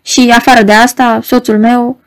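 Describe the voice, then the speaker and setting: A proud, troubled married woman , read by a woman narrator, urgent and pleading in a raised, fairly high voice. Her lines come across agitated and insistent in an audiobook scene. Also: little pitch movement, natural voice. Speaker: audiobook reader.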